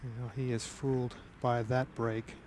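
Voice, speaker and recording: A man giving live golf commentary with deliberate, dramatic phrasing. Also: medium pitch, level tone, a little mellow, a little hiss or hum.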